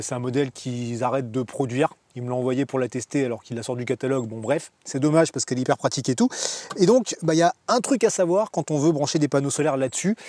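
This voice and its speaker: Male vlogger, slightly high-pitched, dry close sound, loose talky delivery with fillers. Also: a little mellow, no echo. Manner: chatty, joking, many fillers. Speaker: van life vlogger. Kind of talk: casual explainer vlog.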